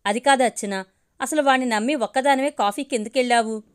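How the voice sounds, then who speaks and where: Earnest young guy friend, gentle, persuasive, lady reading it. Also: on the high side, a little fast, clear, resonant tone, natural voice. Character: earnest young man, concerned well-wisher friend.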